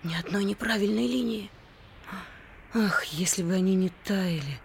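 A woman voicing a young boy in a radio play, quick and exclamatory, turning cold and sneering. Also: sits high, very animated, slight background noise. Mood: dreamy. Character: boy Kai, lively then cold and sneering.

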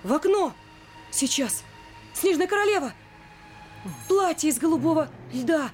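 A woman doing the boy Kai, high and quick. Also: expressive, a little mellow, soft background music. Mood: excited. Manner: quick, boyish, exclamatory. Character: boy Kai, lively then cold and sneering. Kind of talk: radio play acting.

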